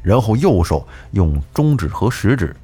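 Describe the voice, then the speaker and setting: Very deep-voiced man telling a story. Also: husky. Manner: steady, measured storyteller's delivery. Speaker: podcast host. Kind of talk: storytelling narration. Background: faint background music.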